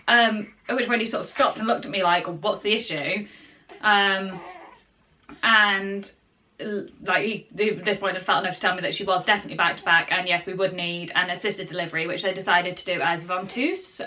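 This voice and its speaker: A young woman telling her birth story to camera at home in a chatty, casual way, full of fillers and soft asides to the baby in her arms. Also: mid-range voice. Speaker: parenting vlogger.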